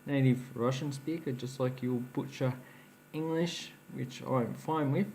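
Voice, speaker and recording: A coin collecting channel host runs a casual show-and-tell vlog, chatty and explanatory, laughing at his own slips. His medium-pitched voice moves at a measured pace and is a little mellow, with a faint hiss or hum.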